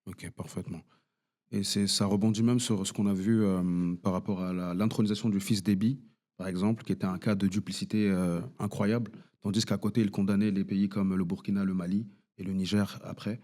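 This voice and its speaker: A man hosting a political debate, moving briskly through the segments. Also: sits low, level tone, mellow. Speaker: host.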